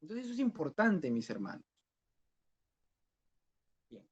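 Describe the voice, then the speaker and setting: A man's voice: fairly high pitch, big pitch swings, a little slow, slightly rough. A man teaching a discipleship Bible class who questions his students and repeats key phrases. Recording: dull lo-fi recording.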